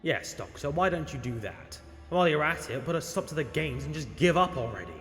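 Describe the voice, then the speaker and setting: A man's voice: on the high side, animated, fairly quick, a bit bright, faint music behind. A man voicing a menacing, gloating devil in an audio drama. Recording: long hall reverb.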